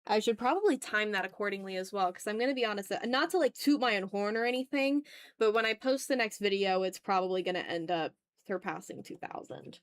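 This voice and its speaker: The art livestream host here has a smooth, medium-pitched voice and talks fairly quickly in a dry recording. Her chat is informal and expressive, directed at viewers as she reads and responds to their messages.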